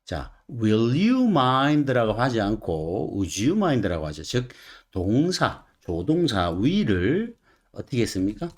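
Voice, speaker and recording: A man's voice: medium pitch, sing-song, drawn-out words. A man teaching English grammar in a video lecture, working through textbook sentences and asking the viewers rhetorical questions.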